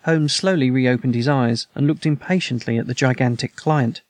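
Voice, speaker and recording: A man narrating a classic detective story in a measured, even storytelling manner. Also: mid-range voice, dry recording. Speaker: audiobook narrator. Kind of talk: scripted narration.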